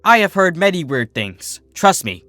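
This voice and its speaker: A man voicing a regal, gentle pony princess in a storybook reading, with formal, old-fashioned phrasing. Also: high-pitched, very animated, normal speed, dry recording, soft background music, pitched above the performer's own voice, exaggerated voice. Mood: regal, reassuring. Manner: formal, archaic turns of phrase.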